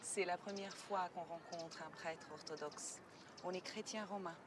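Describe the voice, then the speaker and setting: A woman's voice: lowish voice, steady tone, measured pace, background noise, lightly acted. An actress playing a patient, formally polite history professor from Portugal, explaining things to her daughter outdoors. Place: outdoors at an ancient site.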